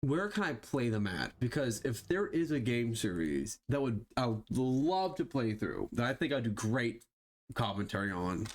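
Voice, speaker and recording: A very animated man with a mid-range voice streams a game live at a moderate pace. He browses and fiddles while talking to himself and viewers, casual and sarcastic, with frequent swearing.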